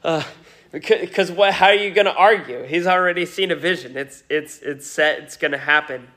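A man's voice: on the high side, normal speed, pushed and bright. A pastor giving a Sunday sermon, his voice nasal today, speaking earnestly with frequent restarts. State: nasal from a cold.

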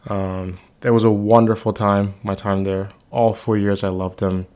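Podcast host, twenties, from the Bahamas, lowish voice, easygoing and chatty. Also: male voice, measured pace. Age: 20s. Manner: relaxed, conversational, with frequent fillers. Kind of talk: solo podcast introduction.

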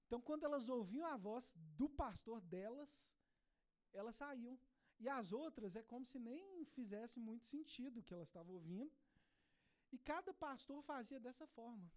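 A man's voice: sits high, a little mellow. A man in his thirties from Brazil, a pastor giving a conversational sermon at a Sunday church service, telling stories from his own life. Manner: conversational, tells personal stories, frequent "né?".

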